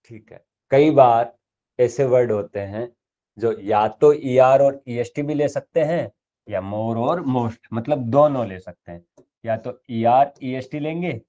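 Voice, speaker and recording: Male teacher, unhurried, warm low tone, lo-fi sound, drawls example words. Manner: explains step by step, says example words slowly and drawn out; checks in often with "thik hai" and "dekho". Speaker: English teacher. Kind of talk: grammar lesson.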